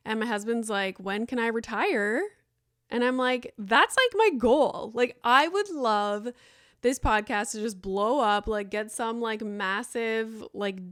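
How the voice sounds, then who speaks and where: Woman in her thirties, solo podcast host, chatty and rambling, smooth clear voice, dry close mic. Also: mid-range voice, no echo. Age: 30s. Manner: chatty, rambling, fillers and "like" throughout.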